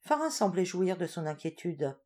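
A woman narrating a story aloud in a fairly low voice. She reads at a measured pace and slows for the descriptive passages. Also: sing-song, darkish tone. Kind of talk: storybook reading.

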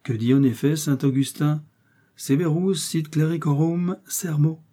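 A man's voice: a little high, measured pace, dark tone, voice pushed up. A man voicing a zealous Jesuit priest who lectures in a raised, preachy voice. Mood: reproving.

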